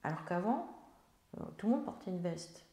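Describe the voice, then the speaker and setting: A woman member of parliament speaks in an interview with a low, mellow, gravelly voice. She hesitates often, restarting phrases and filling gaps. The room around her is noticeably echoey. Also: animated, normal speed. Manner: hesitant, many fillers and restarts. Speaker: elected member of parliament, guest. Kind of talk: interview answers.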